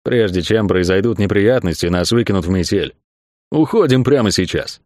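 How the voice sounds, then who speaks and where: A man's voice: on the low side, animated, normal speed, a little mellow, no echo, clean studio sound, natural voice. A man voicing a worried, insistent stage magician eager to move on. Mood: wary. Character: wary, hasty male stage magician.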